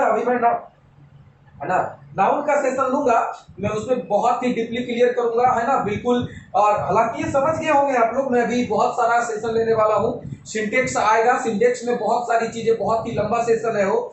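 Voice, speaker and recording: A man teaching English grammar in a classroom-style lecture, repeating rules and checking whether students follow. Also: very high-pitched. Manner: repetitive, checks understanding with rhetorical questions; slows down, dictating example sentences. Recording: very echoey room, mic at a distance, noisy.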